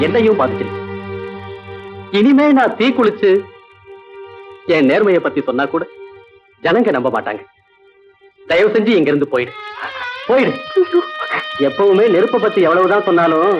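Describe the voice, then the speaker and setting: An actor playing an honest husband who sternly and bitterly sends his wife away, over loud music on a dull recording. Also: high voice. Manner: stern, emotional outbursts.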